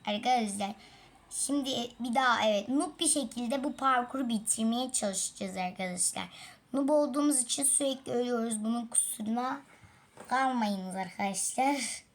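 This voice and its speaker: A woman's voice: a little high, moderate pace. A woman hosting a casual gaming video, chatting to viewers about her fails and sighing as she keeps falling. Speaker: gaming channel host. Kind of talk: casual let's-play commentary. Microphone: tablet.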